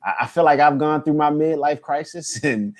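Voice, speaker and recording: A man's voice: a little high, moderate pace. A man in his thirties hosts a casual podcast chat. He talks in a loose, rambling way, full of fillers and restarts. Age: 30s. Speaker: podcast host.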